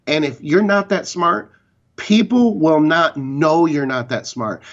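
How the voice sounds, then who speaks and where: A man's voice: a little high, slow pace, highs cut off. A man co-hosting a fitness podcast, chatting casually and giving opinionated, rambling explanations with some swearing. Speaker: podcast co-host. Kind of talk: casual chat.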